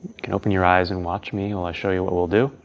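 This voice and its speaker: A man's voice: low voice, level tone, rapid-fire, lo-fi sound, slight background noise. A man teaching a guided breathing lesson as an instructor, with casual, informal phrasing.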